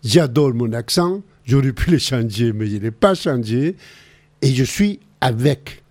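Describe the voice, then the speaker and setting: A man's voice: mid-range voice, expressive, measured pace, a little mellow. Chilean-accented man hosting call-in radio. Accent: Chilean Spanish. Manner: earnest, giving practical advice. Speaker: radio show host.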